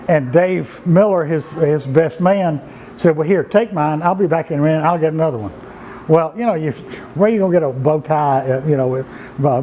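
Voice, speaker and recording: An older man tells folksy family stories at an easy pace. His voice sits a little high for a man, and he keeps stumbling over restarts and filler words. A faint background noise runs under the recording. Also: warm tone, low-quality recording. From Georgia, USA. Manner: unhurried, halting with many "uh"s and restarts. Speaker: storyteller and writer. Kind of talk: folksy anecdotal storytelling.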